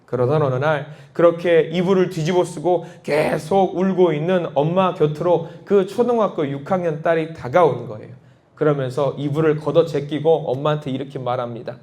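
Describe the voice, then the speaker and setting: A man preaching a sermon as a church pastor, telling a story and acting out the quoted voices with big swings of pitch. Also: normal speed, darkish tone. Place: church sanctuary.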